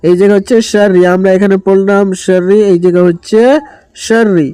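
A man teaching Quran recitation step by step, explaining each word and then chanting the verses slowly and drawn out. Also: high voice, flat delivery, warm tone, smooth, no room sound. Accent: Bangladeshi Bengali.

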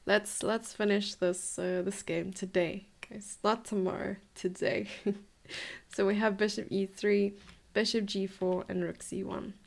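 A woman's voice: mid-range voice, little pitch movement, unhurried, vocal fry. A woman in her twenties from South Africa, coaching a chess lesson in a chatty, enthusiastic way from a room at home. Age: 20s. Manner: chatty, enthusiastic, laughs and muses aloud. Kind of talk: live-streamed chess lesson.

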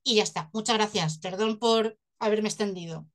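A woman's voice: medium pitch, moderate pace, a bit bright. A young adult woman from Spain wraps up a formal seminar presentation over a video call. She speaks politely in a mid-range voice and sometimes stops and restarts her sentences. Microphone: laptop webcam on a video call.

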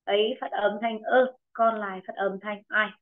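A woman teaching an online English pronunciation lesson with a Vietnamese accent, encouraging students and repeating words slowly for them. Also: mid-range voice, fairly even intonation. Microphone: video call. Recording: tinny phone-like video call audio.

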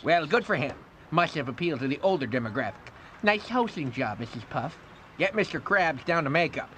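A brisk showbiz director. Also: male voice, a little high, big pitch swings, a little hiss or hum. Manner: bright, brisk showbiz talk. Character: brisk male show director, upbeat and pushy.

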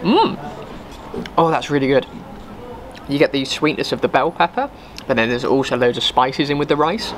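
A man's voice: medium pitch, lively intonation, moderate pace, pauses often, background noise. A man reviewing food for a travel vlog, chewing with his mouth full and savouring each bite in a restaurant. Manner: savouring, appreciative. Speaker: travel vlogger. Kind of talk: casual food review to camera.

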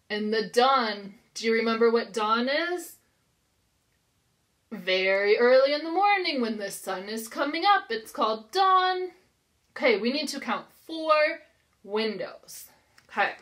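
An American preschool teacher in her thirties reads aloud to young children in an interactive lesson, using simple, encouraging phrasing and questions. Her voice is fairly high and a bit bright.

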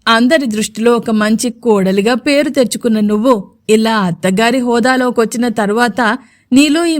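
A woman voicing an older grandfather who gently reproaches his daughter-in-law in a storybook audio drama. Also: a little high, natural voice.

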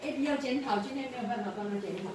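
A woman's voice: on the high side, very fast. A woman tutoring pupils in a classroom, patiently repeating prompts and quizzing them. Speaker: English teacher. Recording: echoey room from far off, faint noise.

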